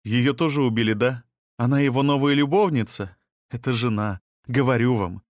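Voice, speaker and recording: A man voicing a shrill, defensive young woman suspect who talks back indignantly under questioning. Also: normal speed, no room sound, clean studio sound, close to an everyday voice. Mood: scornful.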